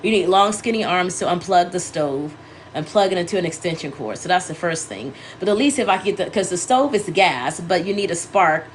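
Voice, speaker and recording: A fairly low-pitched woman with lively intonation talks fairly quickly, her throat scratchy and her nose stuffed up. She runs a relaxed livestream, drifting off topic, revising what she says, and chatting with her audience.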